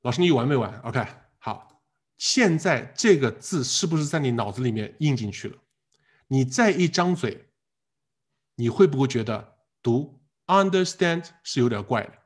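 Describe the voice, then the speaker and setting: A husky-voiced man teaches a live online exam-prep class. His pitch jumps around as he quizzes listeners and drills the same word over and over. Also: moderate pace. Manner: animated, asks the class questions and drills words by repetition. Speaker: PTE English teacher.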